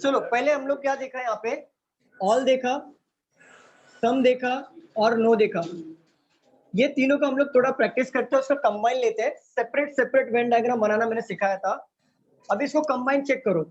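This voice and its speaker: At normal speed and with a very high voice, a man runs a live online reasoning lecture in Hindi sprinkled with English terms. He explains each step and keeps asking students questions. The streamed audio is dull and lo-fi with faint noise.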